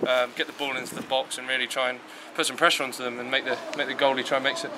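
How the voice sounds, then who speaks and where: A young male footballer giving a measured, plain-spoken post-match interview outdoors at a floodlit ground at night. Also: mid-range voice, little pitch movement. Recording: loud wind noise outdoors.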